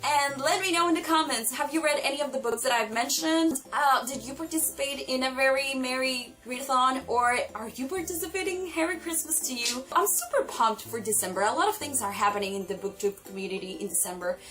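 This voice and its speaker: Gushing young woman book vlogger, high voice. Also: a little fast, hardly any pauses. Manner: gushing, excitable, animated. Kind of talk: casual book review vlog. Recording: distant mic with faint background music.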